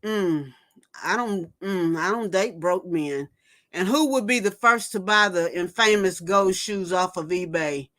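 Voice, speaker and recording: A woman's voice: fairly low pitch, measured pace, fairly bright tone. A woman in her fifties hosting a casual livestream, gossiping and reading viewer comments aloud before reacting to them. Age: 50s. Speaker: livestream host. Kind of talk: casual chat.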